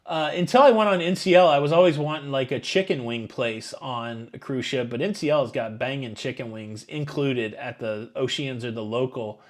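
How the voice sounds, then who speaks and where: A fifty-ish YouTube cruise channel host answers super chat questions on a live stream, chatting and rambling with lots of fillers. He has a mid-range voice and talks at normal speed with few pauses.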